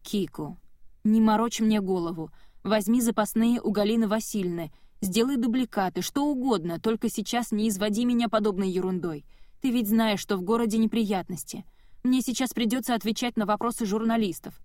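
A woman's voice: medium pitch, unhurried, a little mellow, no echo, clean studio sound, natural voice. A woman voicing a weary, exasperated woman mayor who speaks in a strained, clipped way. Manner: strained, clipped, holding back irritation.

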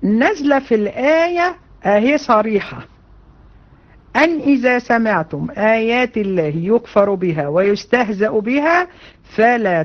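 A woman with an Egyptian Arabic accent giving a religion lesson to women, animated and colloquial, with many rhetorical questions. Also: medium pitch, muffled recording. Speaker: religion teacher. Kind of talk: lecture to women students.

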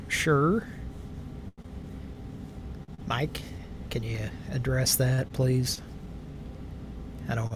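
A man's voice: mid-range voice, noisy background. A man hosting a live show, rambling through irreverent jokes and stopping himself mid-sentence. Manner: meandering, self-interrupting, irreverent jokes. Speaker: livestream show host. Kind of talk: rambling comedic live chat.

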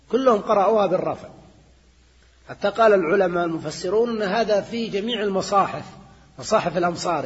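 An older man giving a classroom grammar lecture, explaining and repeating points and often checking in with his students. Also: sits high. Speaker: teacher of Arabic grammar. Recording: dull lo-fi recording in a reverberant hall.

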